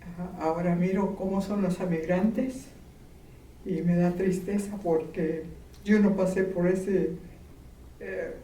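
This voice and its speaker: A woman from Mexico, slowly and gently reminiscing in an interview. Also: lowish voice, fairly even intonation. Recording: roomy, distant, faint background noise.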